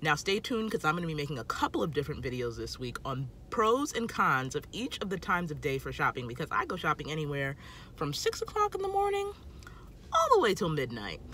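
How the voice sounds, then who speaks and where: Filmed on a phone at arm's length inside a parked car, a food vlogger in her thirties gives casual tips to camera. Her voice is deep, sing-song and brisk with a fairly bright tone and slight hiss or hum, and she talks emphatically with her hands.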